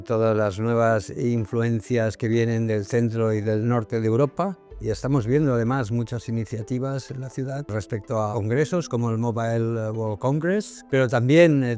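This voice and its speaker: A man's voice: mid-range voice, darkish tone. A man speaking as a private bank executive in a corporate interview, thoughtful and hesitant with many fillers.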